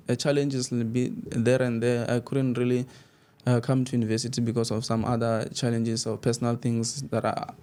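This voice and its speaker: A man's voice: medium pitch, a little mellow. A young South African man whose first language is Xitsonga, talking as an interview guest in a loose, rambling way full of restarts. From South Africa, Limpopo. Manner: rambling, frequent restarts and laughs. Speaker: guest, student media founder. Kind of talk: casual interview talk.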